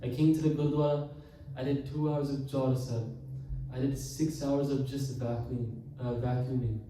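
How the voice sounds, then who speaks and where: A man's voice: medium pitch, little pitch movement. Man preaching in an echoing hall. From Canada. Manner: earnest, addresses the congregation often, slows for emphasis. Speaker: Sikh preacher giving katha. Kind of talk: sermon. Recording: echoey hall from far off with faint noise.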